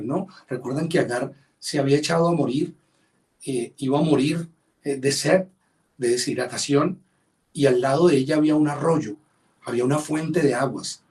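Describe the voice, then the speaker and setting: A male pastor preaching a sermon, quoting scripture and acting out the voices with expressive emphasis. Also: medium pitch, far from the mic. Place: church service livestream.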